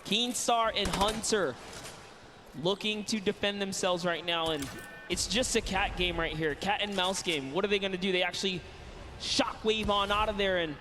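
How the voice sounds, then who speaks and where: A man calling the action of an online game match live, with brisk, descriptive play-by-play. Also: sits high, background noise. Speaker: esports caster.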